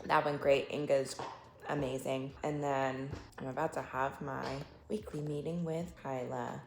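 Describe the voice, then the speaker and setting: A woman's voice: extremely low pitch, fairly even intonation, unhurried, creaky, darkish tone, slight background noise. A young adult woman vlogging in a chatty, blunt way, swearing freely. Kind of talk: casual vlog chat.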